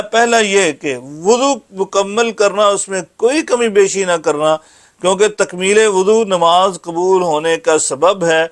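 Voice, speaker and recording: A man teaches a hadith class, his voice sitting high for a man. He recites each Arabic line slowly, then breaks it down in a patient, explaining tone. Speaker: Islamic teacher giving a hadith lesson. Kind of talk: religious lesson.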